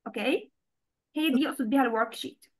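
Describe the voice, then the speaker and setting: An Egyptian woman with a high, bright-sounding voice teaches English words to children over a video call. She switches between Arabic and English and keeps asking if everyone follows. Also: rapid-fire. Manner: mixes Arabic and English, checks in often with students. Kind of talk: online class explaining vocabulary.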